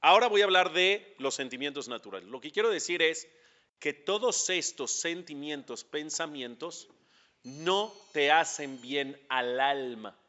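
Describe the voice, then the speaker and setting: A man's voice: a little high, expressive, a little slow, pushed and bright, dull audio. A man, a rabbi with a Mexican accent, giving a religious lecture, asking the audience questions and building to emphatic peaks. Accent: Mexican Spanish.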